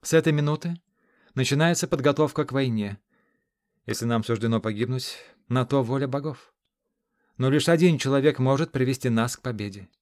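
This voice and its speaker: A man's voice: medium pitch, brisk, dry recording, studio quality, voice pushed up, lightly acted. A man reading the lines of a commanding young queen in an audiobook, decisive and proclamatory.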